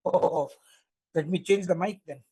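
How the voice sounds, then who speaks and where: A man's voice: high-pitched, steady tone, unhurried, mellow, breathy edge. A man teaching a statistics lecture online through a microphone that distorts his voice into a fuzzy, robotic sound. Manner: explains with repeated "okay" and "right" checks. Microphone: computer microphone on a video call.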